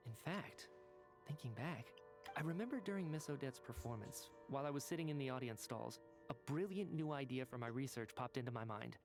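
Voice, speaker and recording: Male actor as an earnest scientist, measured and explanatory, game dub, faint score under. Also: medium pitch, lively intonation, natural voice. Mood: calm reasoning. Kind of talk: video game voice acting. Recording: game audio with faint music behind.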